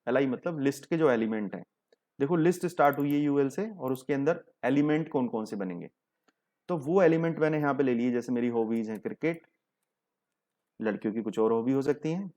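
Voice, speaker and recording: A man's voice: mid-range voice, animated, a little fast, a little mellow. A young man, teaching a coding lesson step by step and mixing English terms into his Hindi. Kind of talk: screen-share coding tutorial.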